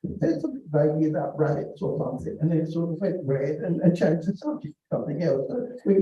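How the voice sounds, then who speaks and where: An older man from England telling rambling standup stories about his school days, halting with many restarts. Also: a little high. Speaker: comedian. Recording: distant, dull, very echoey room.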